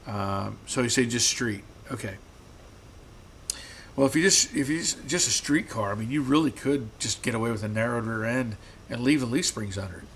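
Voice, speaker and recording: Hosting from his garage, he answers live viewers' comments in a relaxed, faltering way and tends to repeat words. His voice, medium in pitch, is worn rough by long talking, and a bit of hiss or hum can be heard.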